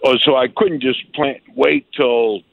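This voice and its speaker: A man in his seventies calling in to a radio show, chatty and halting as he asks his questions. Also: mid-range voice, fairly even intonation, vocal fry, dry recording. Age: 70s. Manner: chatty, halting, warm-spirited. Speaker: caller. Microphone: telephone. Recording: tinny phone line.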